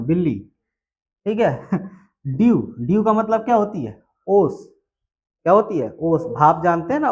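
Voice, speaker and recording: Male English teacher, high voice, quizzes then answers his own questions. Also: a little mellow, dull audio. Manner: asks questions and answers them himself. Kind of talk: classroom lesson on pronunciation.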